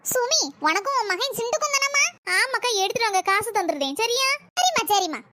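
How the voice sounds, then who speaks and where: Squeaky chipmunk cartoon villagers. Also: animated, brisk. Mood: excited chatter. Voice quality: squeaky, sped-up sounding. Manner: chatty, calls to family and viewers. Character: chipmunk-pitched cartoon village mothers and kids. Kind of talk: cartoon voice acting. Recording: noisy cartoon soundtrack.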